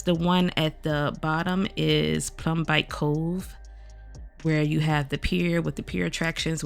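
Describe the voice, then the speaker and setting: A woman's voice: sits low, vocal fry, clean tone. A woman creator giving a casual overview of a new game pack, chatting straight to her viewers with a groggy morning voice. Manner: chatty, addresses viewers directly as "y'all". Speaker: gaming video creator.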